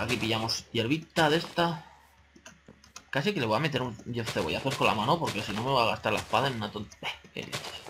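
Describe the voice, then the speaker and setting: A man's voice: medium pitch, bright, forceful tone, slight background noise. Chatty man narrating gameplay. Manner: chatty, talks to himself and viewers, playful exclamations. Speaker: gaming channel host. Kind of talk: casual let's-play commentary.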